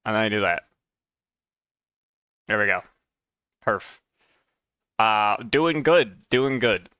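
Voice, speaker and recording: A man's voice: fairly low pitch, lively intonation, slow, bright, forceful tone, clear, resonant tone, no echo, clean studio sound. A man streaming live while he codes, rambling and stammering through casual chat and often saying "dude". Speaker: streamer and mod developer.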